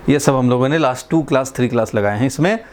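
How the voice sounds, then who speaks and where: In this classroom lecture, a physics teacher from India talks fast in a medium-pitched, slightly mellow voice. He moves through the explanation step by step, restating key phrases and checking in with his students.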